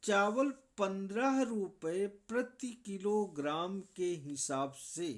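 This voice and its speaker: A man with a Hindi accent explaining English grammar in a classroom lecture style, repeating key points. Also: high-pitched. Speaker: English teacher.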